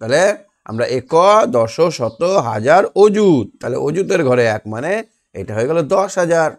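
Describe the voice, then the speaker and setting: A man's voice: mid-range voice, expressive, normal speed, a little mellow. A man teaching an online math lesson, patiently asking questions and answering them himself. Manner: patient, asks and answers his own questions. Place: online class on a video call.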